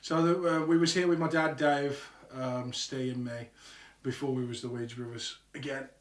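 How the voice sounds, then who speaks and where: A man hosting a live ghost hunt at night, telling an animated, sweary story in casual talk. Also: mid-range voice, normal speed, distant mic. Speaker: paranormal show host. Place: old house at night. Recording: echoey room, off-mic.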